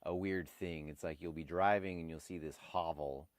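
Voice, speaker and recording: A man's voice: low voice, steady tone, normal speed, dry recording, studio quality. A man chatting casually on a porch, trading wisecracking banter with his friend. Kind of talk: casual chat. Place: outdoor porch.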